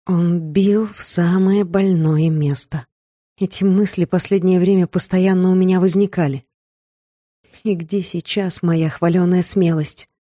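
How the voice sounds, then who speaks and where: Mellow-voiced woman reading an audiobook. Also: on the low side, measured pace, no room sound, studio quality. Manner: expressive, emotive reading. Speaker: audiobook narrator. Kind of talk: first-person audiobook narration.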